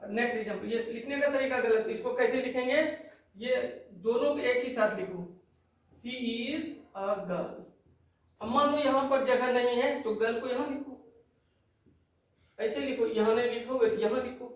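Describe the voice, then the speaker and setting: A man teaching English grammar in a classroom lecture. He repeats key terms and keeps checking that students follow with quick questions. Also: extremely high pitch. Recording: very echoey room, voice far from the mic.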